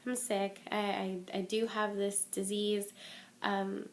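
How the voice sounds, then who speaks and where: A young woman vlogs a casual update to camera from home, candid and chatty with many ums and restarts. Her mid-range voice is level and slow, sounding stuffy and worn from a cold, picked up on a phone or webcam.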